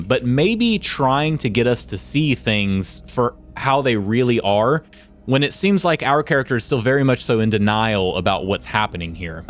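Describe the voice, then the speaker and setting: Hoarse, nasal man playing a game. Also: fairly low pitch. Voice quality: chatty, excitable, laughs often. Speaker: gaming YouTuber. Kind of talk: let's play commentary.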